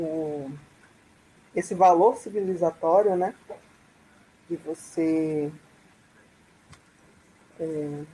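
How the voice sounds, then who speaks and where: A woman from Salvador, speaking as a guest on a video call in a halting, thoughtful way with many restarts. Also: on the low side, mellow, slightly rough, rough recording. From Salvador, Brazil. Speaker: guest panelist. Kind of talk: casual live-stream discussion.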